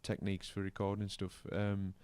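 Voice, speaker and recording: Low-voiced man, rapid and loose. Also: monotone, a little mellow, smooth, no echo. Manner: loose, filler-heavy with lots of "you know". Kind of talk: casual podcast chat. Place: studio.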